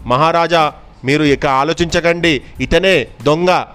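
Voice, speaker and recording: A man doing Nandigupta, a loud accusing merchant. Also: fairly high pitch, moderate pace, pitched above the performer's own voice, lightly acted. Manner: shouting accusations, insistent. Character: scheming middle-aged male merchant, loud and accusing.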